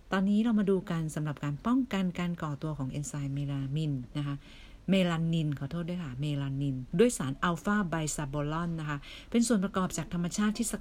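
A woman giving a casual, persuasive sales pitch for beauty products, chatty and full of questions for the listener. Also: darkish tone. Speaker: beauty product seller recruiting members.

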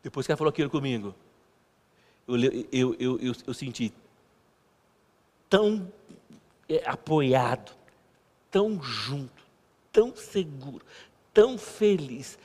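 A male pastor preaching a sermon in a halting, conversational way, repeating words and poking fun at himself. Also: medium pitch, animated, a little mellow. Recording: long church hall reverb.

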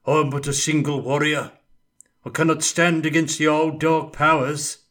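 Man playing a gruff dwarf warrior, rasping, gravelly, raised and forceful, audiobook. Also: on the high side, little pitch movement, normal speed, voice pushed up, natural voice. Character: grim male dwarf warrior, gruff and stern.

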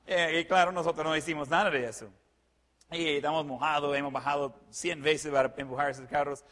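High-voiced man telling a story. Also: fairly quick. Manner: lively retelling with sound effects and fillers. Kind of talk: personal anecdote. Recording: long hall reverb.

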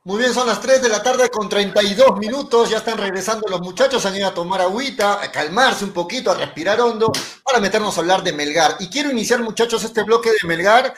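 A man's voice: high voice, quick pace, hardly any pauses, a bit bright. A man hosting a casual sports talk show, chattily announcing breaks and sending greetings.

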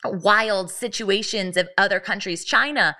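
Her voice is mid-range and sharp, her pace measured, as this woman in her thirties hosts a live-streamed faith podcast on a podcast microphone. She tells a story earnestly and with lots of animation, often restarting her sentences.

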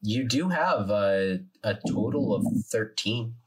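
A man's voice: fairly low pitch, lively intonation, takes it slowly, low-quality recording. A man narrating casually as game master, improvising with some hesitation as he goes.

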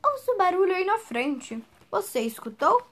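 A woman voicing a big, hungry, gullible male forest monster in a storybook reading, in a slow, booming, gloating voice. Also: big pitch swings, a bit bright, slight background noise, exaggerated voice. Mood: curious.

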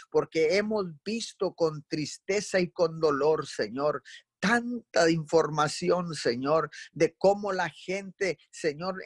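A man's voice: fairly high pitch, a bit bright, no room sound. A man leading a fervent live prayer, calling on the Lord between every phrase.

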